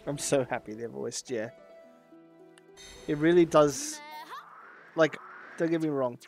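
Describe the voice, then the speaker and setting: A man's voice: a little high, slow pace, vocal fry, faint music behind. A man chatting casually while playing a game and reading its dialogue aloud. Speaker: streamer. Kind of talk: casual gameplay commentary.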